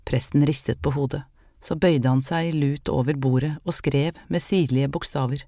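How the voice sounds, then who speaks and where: An audiobook narrator giving a measured, scripted reading of a novel. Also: medium pitch, fairly even intonation, mellow, no room sound, clean studio sound.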